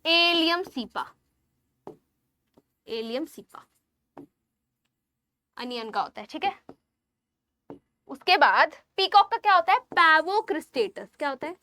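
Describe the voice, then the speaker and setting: A woman teaching biology in an online exam-prep lecture, spelling out terms slowly and checking in with the class while she writes on screen. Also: high-pitched, expressive, bright, forceful tone.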